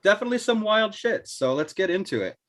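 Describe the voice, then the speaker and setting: A man's voice: high-pitched, big pitch swings, fast talker. A man hosting a casual podcast over a video call, loose and joking. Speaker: host. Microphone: video call mic.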